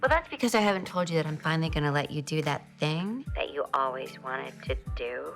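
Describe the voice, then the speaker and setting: A bold, breathy seductress. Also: female voice, low-pitched, lively intonation, fairly quick, faint music behind. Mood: teasing. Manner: breathy, teasing, whispered seduction. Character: bold seductive woman, former flame of a lawyer.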